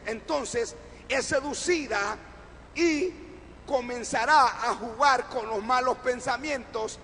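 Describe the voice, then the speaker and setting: Male preacher, very high bright voice, call-and-response sermon, echoey church hall with faint noise. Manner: call-and-response, asks the congregation to repeat; rhetorical questions, rising to shouts.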